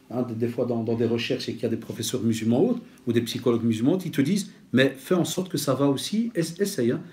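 A man delivers a lecture-style sermon, his voice mellow and warm rather than bright. He talks like a storyteller, lively and conversational, slipping Arabic expressions into his as he teaches. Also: medium pitch. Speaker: preacher and teacher.

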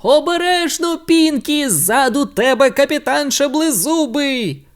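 A man voicing an excitable, childlike grown-up dad who shouts eagerly at a stage play. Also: very high voice, a little slow, pitched above the performer's own voice. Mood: alarmed.

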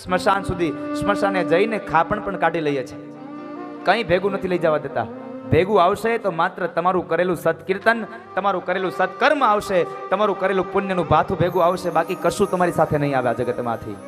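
A man's voice: high voice, a little fast, over music. A man giving a devotional sermon, pressing his point with rhetorical questions and breaking into sung verses. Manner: rhetorical questions, earnest and insistent. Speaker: katha preacher.

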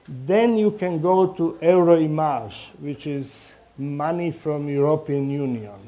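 An older man with a Croatian accent talks slowly in a slightly high, mellow voice, his English halting and non-native in phrasing. He is a film director and professor giving an informal public talk full of anecdotes to a small audience in a medium-sized indoor meeting room, using a headset microphone.

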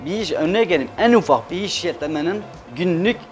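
A chef and restaurant owner in his thirties from Adana, Turkey, appears as an interview guest on a TV studio kitchen set with music playing behind him. He speaks casually and emphatically, repeating words for stress, in a fairly high, expressive, brisk voice.

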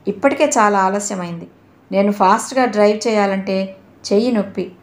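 A young woman begs and pleads insistently, as a woman acts her out. The voice sits at a middling pitch. The reading carries a roomy echo. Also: brisk, lightly acted. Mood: pleading. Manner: begging and insistent.

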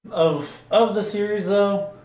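A young man co-hosting a beer review, chatting in a relaxed, joking way and swearing now and then. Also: high voice, takes it slowly. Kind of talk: casual chat. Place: room with a table, indoors. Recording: echoey room.

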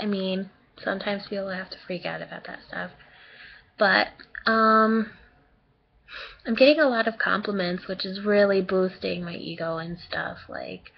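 A young woman talks to her camera in a casual video diary, chatty and excitable, rambling through fillers and false starts. She speaks at an unhurried pace with a middling pitch. The recording is muffled and lo-fi. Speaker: vlogger.

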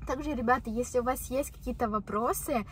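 A woman with a somewhat high voice talks casually to her viewers as she eats with a spoon, chatting between mouthfuls. Her speech is relaxed and conversational. A faint noise sits behind her voice. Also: a little fast. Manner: chatty, talking between bites. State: eating with a spoon. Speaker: vlogger. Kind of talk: casual mukbang chat to camera.

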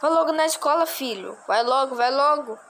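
A woman's voice: sits high, a bit bright, slight background noise, voice pushed up. A woman voicing a mother hurrying her son off to school, nagging him to go. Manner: nagging, hurried.

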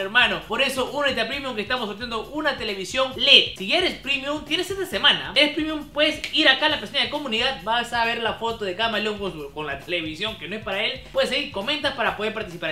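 A woman's voice: high-pitched, bright, forceful tone. A woman with a Peruvian accent, hosting a comic vlog monologue in a joking, teasing, slangy way. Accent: Peruvian Spanish. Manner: joking, teasing, slangy, shifts into mocking voices. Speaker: YouTube host. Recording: echoey room.

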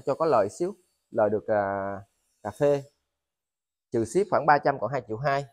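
A man with a southern Vietnamese accent talks through goods for sale in a casual vlog style. His mid-pitched voice wanders along haltingly, doubling back to repeat words. The sound is close and dry. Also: lively intonation, dry recording. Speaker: seller of used motors and machine parts. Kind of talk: casual, rambling sales vlog. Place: indoors in a cluttered tiled storeroom.

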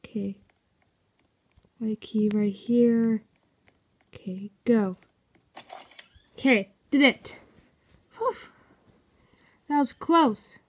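A woman gives relaxed, slow-paced commentary over her own gameplay. She reads in-game notes aloud and reacts out loud as she plays. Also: on the high side. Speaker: game video maker.

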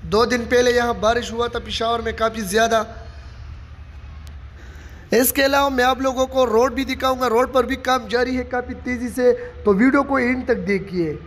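Recorded on a handheld phone camera amid long reverb and faint site noise, a vlogger walks a stadium construction site and steadily narrates updates for viewers. His very high-pitched voice moves at normal speed, and his informal commentary repeatedly uses "you can see."

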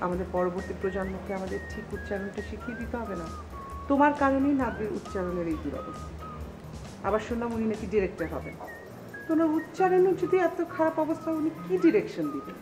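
An actress playing a prim theater worker in a TV drama who corrects pronunciation. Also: female voice, medium pitch, fairly even intonation, fast, few pauses, over music, lightly acted, low-quality recording. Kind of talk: TV drama acting.

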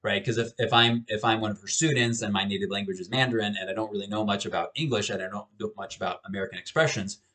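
Talking fast with few pauses, a man in his thirties lectures on a webcam from a small home office as a professor, casual and prone to restarts and repeated words. His voice is on the low side, steady in tone and sharp.

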